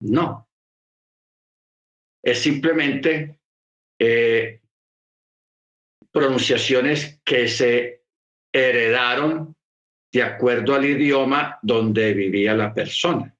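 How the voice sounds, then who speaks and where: Male preacher, middle pitch, teaching tone with repeated phrases, reverberant room. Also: very slow, long pauses, a bit bright, muffled recording. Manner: explanatory, repeats phrases for emphasis. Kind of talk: sermon teaching.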